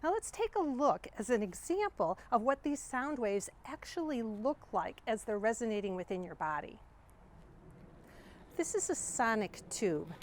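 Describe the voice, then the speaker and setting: A woman choir director explains singing technique in a friendly, enthusiastic way. Her speaking voice sits on the higher side for a woman. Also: very animated, normal speed. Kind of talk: vocal technique video lesson.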